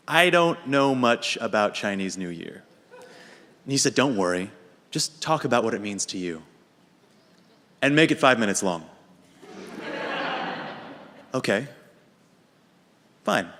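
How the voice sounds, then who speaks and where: A young American man telling a dry, deadpan comic story about himself on a radio show. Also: medium pitch. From United States. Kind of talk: humorous personal monologue. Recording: reverberant hall.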